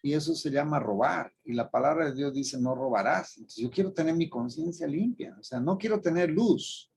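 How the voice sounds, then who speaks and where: A man preaching with earnest conviction and telling everyday stories to drive home moral lessons. His voice is gravelly and husky, at a middle pitch. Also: moderate pace, darkish tone. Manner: earnest, storytelling, emphatic on moral points. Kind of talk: preaching talk with personal stories.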